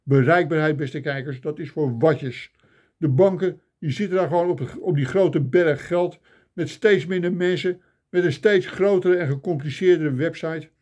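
This older man's slightly high, slightly mellow voice moves at normal speed as he films himself by phone. It's a vlog in the form of a comic rant, full of mock-indignant complaints.

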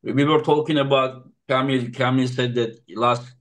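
A man hosting a casual video-call interview, chatty and quick to repeat short affirmations like "yeah, yeah.". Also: medium pitch, fairly even intonation. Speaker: podcast host.

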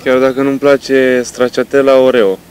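A man, a footballer, joking in a casual group interview and reading out words loudly. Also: medium pitch, flat delivery, smooth, low-quality recording.

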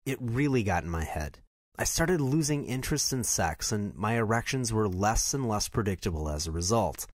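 A man's voice: on the low side, no room sound, clean studio sound. A man reading a scripted first-person story in a confessional tone.

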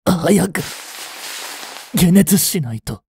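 Heavily acted and high-pitched, a man's expressive, warm voice portrays a polite android servant consumed by feverish love in a Japanese romantic audio drama. He speaks formally in breathy, halting phrases, coming across feverish and distressed. A little hiss or hum runs under the audio.

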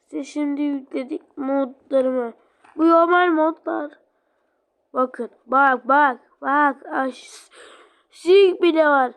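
A woman's voice: high voice, slow pace. A woman making a gaming video, chatting casually to viewers. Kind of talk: casual gameplay commentary.

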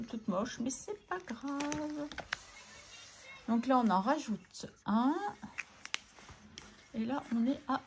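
A woman vlogging casually as she sorts her budget, chatting to herself and counting out loud. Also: on the high side, slight background noise. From France. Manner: talks to herself, scolds herself by name, counts aloud. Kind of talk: casual chatty talk to camera while counting money.

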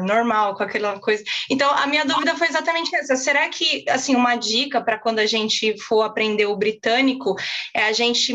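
A woman student with a fairly high voice asks her teacher a question in an online class. She talks hesitantly and fills her pauses with little filler words. She is heard over a video call mic. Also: a bit bright, lo-fi sound.

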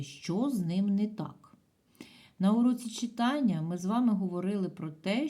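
A woman teaching a primary school lesson by video, patient and clear in a sing-song teacher's way. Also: medium pitch, mellow. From Ukraine. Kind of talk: video lesson for young pupils.

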